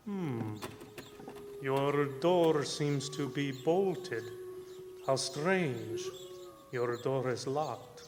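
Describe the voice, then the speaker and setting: A man playing a courteous, menacing vampire count in a radio drama, speaking slowly and formally. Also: mid-range voice, expressive, heavy background noise. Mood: courteous menace. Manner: slow, formal, deliberate. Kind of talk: old-time radio drama acting on stage. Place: performing arts center stage. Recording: echoing theatre hall, music behind.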